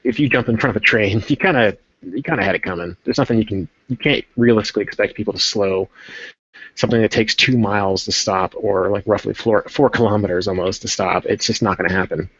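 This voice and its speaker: A man's voice: lowish voice, fast talker, a bit bright, husky. A man hosting a casual livestream, chatting in a rambling way while he paints a model. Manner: rambling, chatty, self-interrupting. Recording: dull lo-fi stream audio.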